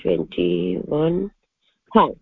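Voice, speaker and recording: A woman's voice: sits low, big pitch swings, extremely slow, slightly rough, no echo. A woman student in a group voice call, reading exercise answers aloud and stopping often to check with the teacher. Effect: heard through a group voice call. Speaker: student in an online language class. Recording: phone-like voice call audio, dry.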